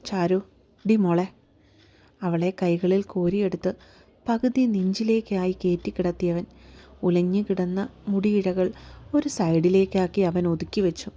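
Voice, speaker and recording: A woman narrating a romance story in a calm, measured storytelling manner. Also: on the low side. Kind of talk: scripted narration.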